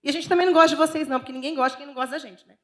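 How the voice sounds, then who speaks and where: A Brazilian woman preacher voicing a wary, sharp-tongued Samaritan woman at a well, speaking with defiance and disbelief. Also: high-pitched, very fast, close to an everyday voice. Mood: defiant. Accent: Brazilian Portuguese. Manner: defiant, incredulous.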